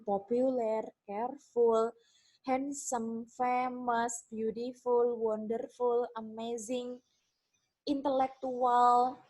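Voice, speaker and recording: High-voiced chatty woman teaching grammar. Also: warm tone. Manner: chatty, repeats examples, asks ya kan. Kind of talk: casual online lesson.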